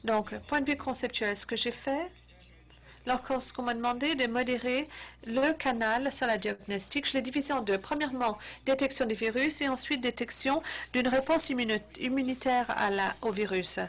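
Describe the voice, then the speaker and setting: A woman with a fairly high voice interprets a lecture webinar live. She keeps a steady flow, with brief hesitations and quick self-corrections.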